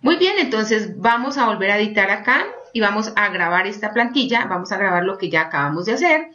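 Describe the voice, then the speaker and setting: A woman teaching an online course through a screen-recorded software tutorial, chatty, constantly saying "look" and checking in with "ok?". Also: mid-range voice, expressive, brisk, muffled recording. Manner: chatty, keeps prompting with "mira" and "¿ok?".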